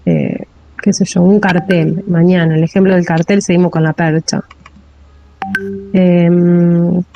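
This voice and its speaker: A woman's voice: lowish voice, creaky, mellow, no echo, low-quality recording. A woman with a Rioplatense Spanish accent giving a classroom lecture on linguistics, often checking in with a rising "¿sí?". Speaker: teacher.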